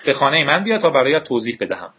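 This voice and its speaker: A man voicing a shy, awkward teenage boy in a quiet, hesitant way, close to his own husky voice. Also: medium pitch, sing-song, natural voice. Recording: dull lo-fi recording.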